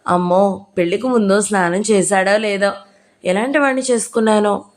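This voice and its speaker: A woman voicing an older woman writer who teases and scolds in a sharp, playful way. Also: medium pitch, steady tone, moderate pace, lightly acted. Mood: teasing. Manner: teasing, scolding.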